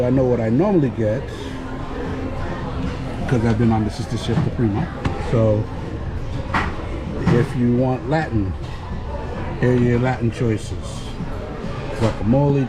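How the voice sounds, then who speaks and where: A man chatting informally to his viewers as a travel vlogger, halting and speaking in short phrases. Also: medium pitch, loud music behind the voice. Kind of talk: casual vlog chat to viewers. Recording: very noisy on-location vlog audio.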